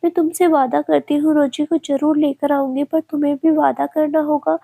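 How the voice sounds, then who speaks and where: A woman's voice: sits high, little pitch movement, normal speed, creaky, warm tone. A woman reading the lines of a caring older sister who soothes her brother in a storybook tale. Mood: soothing. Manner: soothing, pleading.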